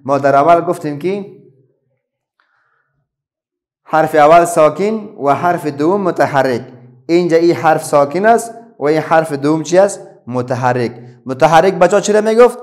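Teacher, male, Afghan Dari accent, a bit high-pitched, patient question-and-answer classroom delivery with pauses. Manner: asks the pupils questions and answers them himself, with many pauses and fillers. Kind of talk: classroom Quran reading lesson for children.

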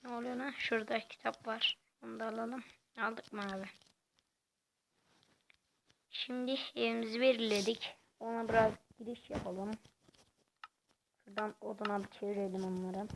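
A woman giving casual, quiet gameplay commentary in a soft, halting way. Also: fairly high pitch, flat delivery, vocal fry, background noise. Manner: talks quietly and softly; halting, hesitant delivery. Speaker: gaming channel host.

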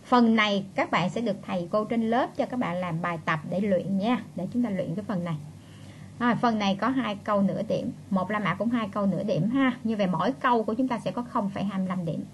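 A woman teacher, reviewing for an exam and repeating key phrases, reading English instructions slowly. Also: mid-range voice, a little hiss or hum, low-quality recording.

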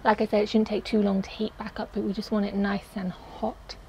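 A young woman explains her cooking as she goes, relaxed and chatty. Her voice has a light vocal fry. She is recorded by a nearby camera in a small garden shed kitchen, with faint outdoor noise behind her. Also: mid-range voice, a little fast, lo-fi sound. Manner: chatty, explains each step while cooking. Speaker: cooking vlogger. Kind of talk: casual cooking demonstration.

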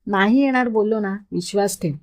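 A woman's voice: mid-range voice, fairly quick, lightly acted. A woman voicing a cheerful, easygoing young man who jokes with his friend in story dialogue. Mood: joking. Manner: easygoing, joking.

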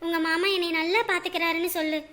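A caring young wife in a home drama, played by a woman, with a very high, ringing voice that talks softly and soothes the people around her. her tone is clear and bright, and she sounds patient and devoted. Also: little pitch movement, fast. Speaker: actor. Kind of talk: web drama acting.

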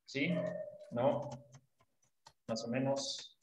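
A man's voice: medium pitch, fairly even intonation, extremely slow, roomy sound, a little hiss or hum, low-quality recording. A man teaching an online English class, explaining patiently and often checking that students follow. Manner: patient, often checks understanding with tag questions.

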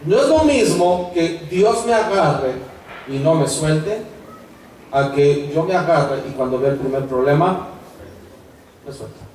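Pastor guy preaching earnest, highish voice, far off in a big echoey church. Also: lively intonation, a little slow, long pauses, a little mellow, a little hiss or hum. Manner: earnest, storytelling, rising to fervent exhortation. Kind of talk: sermon. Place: church hall.

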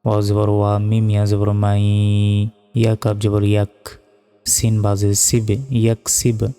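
A man teaching Quran reading, spelling out Arabic words letter by letter in a slow, measured way and chanting the verses. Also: fairly low pitch, completely flat delivery, dark tone, clear, resonant tone, big-room sound, faint music behind.

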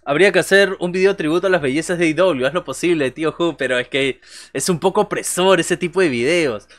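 A man's voice: fairly high pitch, fast, a bit bright, no echo. A man in his thirties doing casual wrestling commentary on a livestream, joking and conversational as he talks with viewers. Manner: joking, conversational, reacting to chat and calling moves. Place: small bedroom, indoors.

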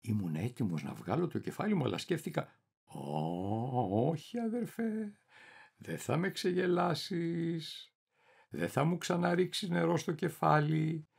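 Man doing a raving, gravelly madman. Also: a little high, expressive, exaggerated voice. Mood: conspiratorial. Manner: theatrical, wild swings between shouting and muttering. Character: deluded middle-aged male clerk, raving and paranoid. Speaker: reader of a dramatic monologue. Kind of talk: theatrical audiobook reading.

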